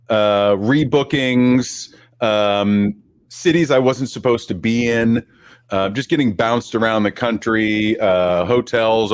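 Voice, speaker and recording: A man's voice: on the low side, no room sound. A man hosting a casual podcast, talking in an easygoing, rambling way and teasing his co-hosts. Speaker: podcast host.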